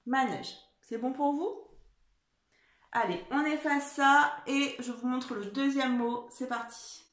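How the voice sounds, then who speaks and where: A woman's voice: sits high, slow, a bit bright, reverberant. A woman teaching a spelling lesson to young children, patient and encouraging, often checking in with the class. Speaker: primary school teacher. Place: room at home.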